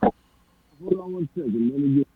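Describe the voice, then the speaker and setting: A man calling in to a live show, heard through a muffled phone line that carries only the bass, keeping his remarks short and polite. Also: normal speed, husky. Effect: muffled phone sound, bass only. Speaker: caller.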